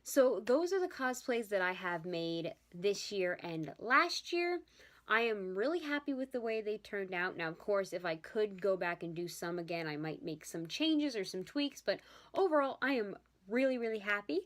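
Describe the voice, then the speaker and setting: A young woman talking through her homemade costumes in a relaxed vlog. Her voice sits at an average pitch, and she chats on easily, pausing now and then to apologize. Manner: chatty, apologetic, yawning at times. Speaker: vlogger showing her handmade cosplays. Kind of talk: casual chat.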